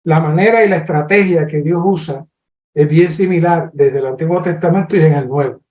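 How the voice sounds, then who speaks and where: A man's voice: fairly high pitch, reverberant. A man with a Colombian Spanish accent preaching a sermon, teaching earnestly and acting out questions. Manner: slow, earnest teaching with lively acted-out questions.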